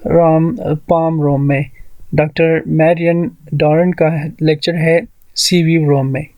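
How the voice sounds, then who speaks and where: A male teacher walks through a grammar lesson at a slow, deliberate pace, breaking words into syllables one at a time. His voice sits a little high. The recording is dry and close, with no room sound. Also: darkish tone, dry recording. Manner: mixes Hindi-Urdu explanation with read-out English rules. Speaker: English teacher.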